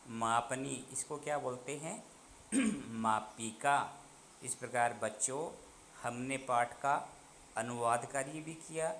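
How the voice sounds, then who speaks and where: A male teacher speaks slowly and deliberately, asking a question and then giving the answer himself. His voice is bright and forceful. A faint hiss sits under the recording. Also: mid-range voice. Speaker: Sanskrit teacher. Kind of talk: online class lesson.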